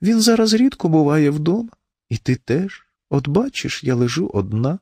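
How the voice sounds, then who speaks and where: A man's voice: fairly high pitch, animated, normal speed, darkish tone, slightly rough, dry recording, studio quality, pitched above the performer's own voice. A man voicing a whiny middle-aged wife who plays sick, with a weak, plaintive voice. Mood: feeble whining. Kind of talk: audiobook character voice.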